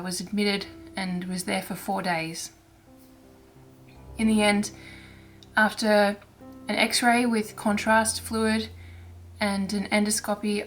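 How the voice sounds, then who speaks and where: Her throat irritated, a cross-stitch vlogger speaks in a hoarse, raspy, medium-pitched voice while chatting casually on her own crafting vlog. She talks softly and haltingly, restarting often.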